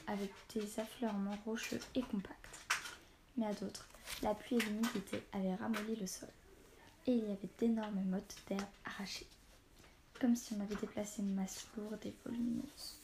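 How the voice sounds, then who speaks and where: A woman narrating a story in a calm, measured reading voice. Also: medium pitch, background noise.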